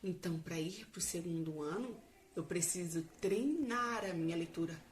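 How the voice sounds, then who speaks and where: A Brazilian woman teacher explaining a lesson slowly to young children in a recorded remote class. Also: on the low side, a little hiss or hum. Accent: Brazilian Portuguese.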